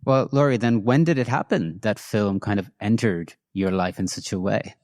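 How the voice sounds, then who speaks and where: A man's voice: lowish voice, moderate pace, no room sound. Man, slight Irish accent, interview host, chatty with fillers, dry close sound. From born in Italy, raised in Ireland. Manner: chatty, warm-up questions with fillers. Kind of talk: conversational interview. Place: at a film industry summit.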